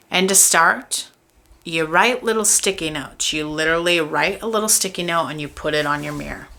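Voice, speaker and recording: Low, gravelly-voiced woman podcast host. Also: bright, forceful tone. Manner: earnest, coaching, direct address to listener. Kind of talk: motivational podcast monologue.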